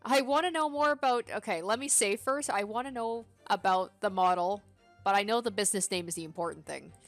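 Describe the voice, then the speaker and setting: A woman's voice: medium pitch, brisk, soft background music. A woman playing through a game, chatting casually and thinking aloud as she comments. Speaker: gamer playing through and reading dialogue.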